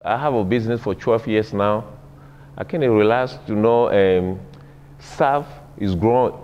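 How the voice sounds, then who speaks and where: A young adult man, a business owner, talking informally and haltingly about starting a festival, seated in a community center room. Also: fairly low pitch, slight background noise. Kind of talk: casual talk. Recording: dull echoey hall recording.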